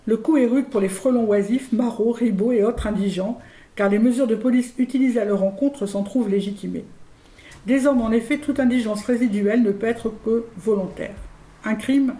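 The speaker is a woman radio show presenter delivering scripted satire in a declamatory, formal, rhetorical manner. Her slightly high, mellow voice keeps a moderate pace. Faint background noise and a roomy sound mark the recording.

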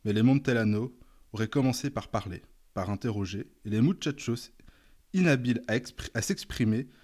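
A man narrating a novel aloud with a measured, dramatic delivery. His voice sits at an ordinary middle pitch and he leans into the tense moments. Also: lively intonation, darkish tone. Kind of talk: audiobook narration.

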